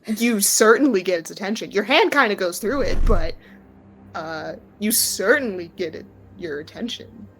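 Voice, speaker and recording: A woman acting as game master runs a tabletop roleplaying game, narrating conversationally and descriptively as she improvises. Her mid-range voice is expressive and fairly bright at normal speed, with background music and slight background noise.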